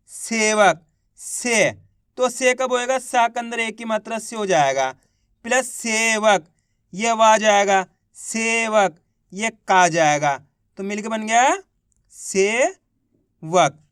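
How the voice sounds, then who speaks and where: A man's voice: very high voice, fairly bright tone, clear, resonant tone, dry recording, clean studio sound. A man teaching an online spelling lesson, repeating each word and quizzing the viewers patiently. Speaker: Hindi teacher.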